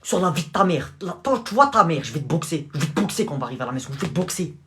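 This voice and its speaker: A young performer acting out comedy sketches in many roles, with quick street slang and blustering back-and-forth. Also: mid-range voice, big pitch swings, slight background noise.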